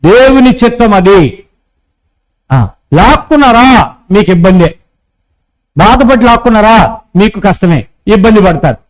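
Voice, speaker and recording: A man with a high voice preaches a sermon to his congregation. He stretches key phrases out slowly, then rushes ahead in fast bursts. Now and then he drops his voice to act out quoted conversations. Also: expressive, poor audio. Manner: preaching with call-and-response prompts to the congregation; acts out quoted dialogue in a lowered voice. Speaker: pastor.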